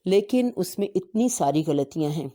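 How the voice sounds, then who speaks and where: Mellow-voiced woman teaching Quran recitation. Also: on the low side, expressive. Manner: explains steadily, recites Arabic verses slowly. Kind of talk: religious lesson.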